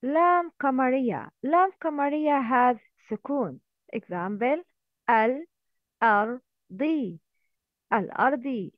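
A woman teaching a lesson slowly and carefully, repeating words for her learners. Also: sits high, dry recording. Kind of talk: slow step-by-step lesson. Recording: dry, tinny phone-like sound.

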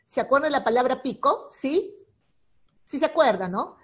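A slightly high-voiced woman teaching a class over a video call. She explains patiently and goes over the main points slowly. She keeps checking that her students are following along. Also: expressive. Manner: checks in constantly with "¿ya?". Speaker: secondary school teacher.

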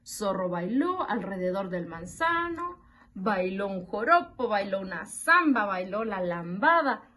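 A woman preschool teacher reading a picture book aloud to young children, animated, with playful asides to the listener. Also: mid-range voice, a little slow.

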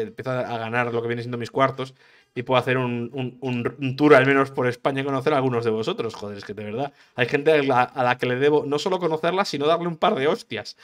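Guy from spain doing his podcast solo, medium pitched voice, rambly, swears a lot, keeps restarting. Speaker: podcast host, gaming streamer. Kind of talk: casual solo podcast monologue.

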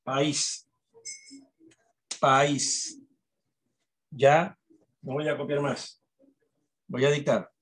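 A man's voice: medium pitch, steady tone, slow, pauses often. A male teacher dictating a lesson to a class, repeating his instructions and often checking in with the pupils.

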